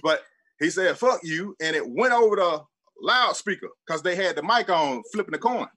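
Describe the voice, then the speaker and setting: A man's voice: high-pitched, moderate pace. A man from Birmingham, Alabama with a Southern accent, a former football player telling loose, profane stories as a guest on a sports talk show. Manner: animated, profane, loose storytelling with lots of "like".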